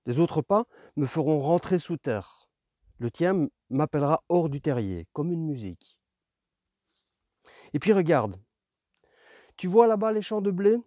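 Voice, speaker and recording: A man's voice: on the high side, very animated, mellow, no echo. A man voicing a lonely, patient fox who talks earnestly and pleads for friendship. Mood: wistful. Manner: earnest, pleading, explains slowly.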